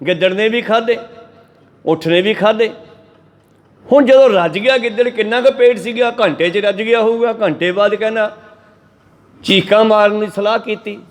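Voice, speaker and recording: A Punjabi-accented preacher with a fairly high voice tells homely folk tales to his congregation. He slips into quick voices for the animals in his stories, keeping a chatty, down-to-earth sermon tone. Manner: folksy storytelling, acts out quoted animals in shifting voices. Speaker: Sikh preacher giving katha. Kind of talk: storytelling sermon exposition.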